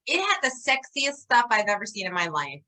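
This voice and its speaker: A woman in her forties co-hosts a casual chat with a New York accent. Her voice is bright and forward. She tells stories with animated energy and laughs easily. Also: medium pitch, fairly quick, low-quality recording. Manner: animated storyteller, laughs a lot. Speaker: podcast co-host.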